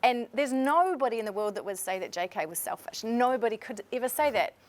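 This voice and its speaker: A woman's voice: on the high side, animated, a little fast, a little hiss or hum. A woman speaking earnestly and persuasively in a leadership webinar, now and then moved with emotion. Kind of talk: motivational webinar talk.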